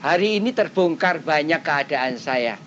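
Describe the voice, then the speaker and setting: Woman preacher, casual sermon delivery, sudden leaps to loud, high emphasis, muffled old tape with faint hum. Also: measured pace. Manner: animated, with big swings between loud high exclamations and low quiet asides; speaks in plain everyday phrasing, often addressing listeners directly. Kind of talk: colloquial sermon to a congregation. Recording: dull lo-fi cassette with faint rumble.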